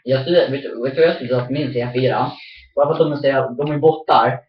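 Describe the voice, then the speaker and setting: Very low-voiced woman gaming, roomy sound. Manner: rambling, swears at the game, protective of sibling. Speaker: gamer playing online shooter with a sibling. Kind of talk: casual gaming chat. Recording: dull, roomy, off-mic home recording.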